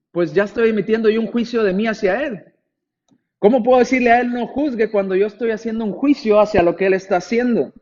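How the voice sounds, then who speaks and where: A man with a high-pitched voice preaches a sermon in a conversational way. He asks rhetorical questions and acts out the replies of imagined listeners. The recording sounds dull and lo-fi. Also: darkish tone.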